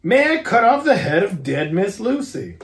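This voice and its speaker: A man voicing a grave, solemn old professor who pleads in slow, formal and earnest speech. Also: high-pitched, sing-song, pitched above the performer's own voice. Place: garage.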